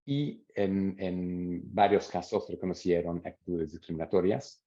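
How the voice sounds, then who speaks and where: A man presenting research at an academic seminar reads out quotes from interviews, his deep, dark voice measured and deliberate. The sound quality is dull and lo-fi.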